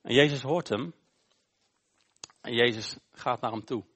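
A man preaches a sermon during a church service. He retells a Bible story plainly and informally, stopping to search for words. His voice sits at a middling pitch. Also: a little slow, fairly bright tone, husky. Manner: informal, storytelling, with frequent hesitations. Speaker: pastor.

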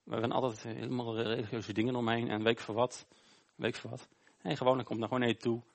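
Guy preaching at a church service, casual storytelling, lots of eh's and restarts, mid-pitched voice. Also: flat delivery, fast, vocal fry. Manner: informal, storytelling, with frequent hesitations. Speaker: pastor. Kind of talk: sermon.

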